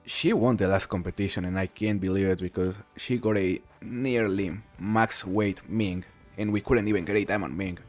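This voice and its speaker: During a casual live stream, a man from Mexico plays a game and chats easily with viewers, reading chat and answering as he goes. He speaks in a low voice at normal speed with few pauses, and faint music sits behind him.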